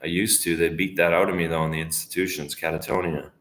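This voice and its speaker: A man in his twenties with a deep, low voice rambles to the camera. His talk is profane and loose, often trailing off mid-thought. The sound carries the echo of a reverberant room. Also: little pitch movement, fast, fairly bright tone, a little hiss or hum. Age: 20s. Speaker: vlogger. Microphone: camera facing speaker. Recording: echoey room.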